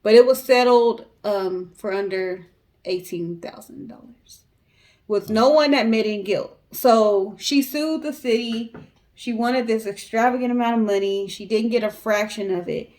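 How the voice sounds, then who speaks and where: An American woman co-hosts a storytelling show, recounting true crime in a casual, colloquial way and speaking straight to viewers. Her voice is a little high and a little mellow, and she talks a little slowly.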